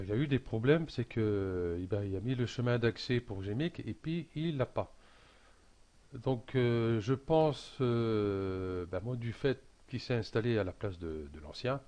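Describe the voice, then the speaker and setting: A man talking through a casual software tutorial, hesitant and full of fillers and restarts. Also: on the low side.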